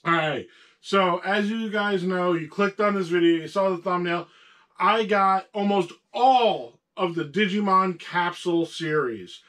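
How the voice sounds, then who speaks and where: A man's voice: high voice, unhurried, fairly bright tone. Man with a sore throat chatting casually. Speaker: toy collector and video host. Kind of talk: casual show-and-tell chat.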